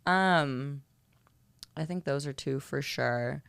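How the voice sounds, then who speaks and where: A man's voice: medium pitch, gravelly, a bit bright, clean tone, dry recording. A man in casual podcast chat with a blunt, sarcastic way of talking. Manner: sarcastic, blunt, quick to agree.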